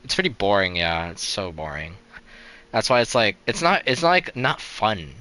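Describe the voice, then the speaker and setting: His voice is fairly low but pushed and bright, swinging widely in pitch at a normal pace. A young man live-streaming a game, he chats casually and rambles resignedly, restarting sentences and peppering them with "like" and "you know."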